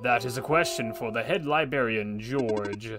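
A man voicing a stiff robot librarian in a game playthrough, speaking in a flat, formal robot voice. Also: mid-range voice, moderate pace, over music, natural voice. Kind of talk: let's play voice acting.

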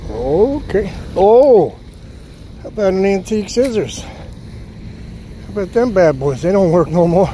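Recorded on a chest-worn action camera, this magnet fishing vlogger talks casually to his audience at a city pond, reacting loudly to everything he pulls up. He speaks in a high pitch with big swings, slowly and with long pauses. Wind and water noise are loud throughout.

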